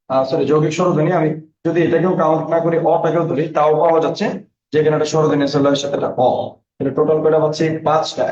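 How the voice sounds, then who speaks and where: Reading out student names and answers, a man teaches Bangla in an online class and drills the students with repeated questions. His voice is fairly high with a darkish tone, and the audio sounds echoey, distant, and dull.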